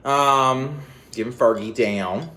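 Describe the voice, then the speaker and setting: A man's voice: medium pitch, slow, noisy background. A man talking straight to his viewers in a loose, rambling monologue full of slang and scattered thoughts. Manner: rambling, scattered, laughs often, lots of slang. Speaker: vlogger.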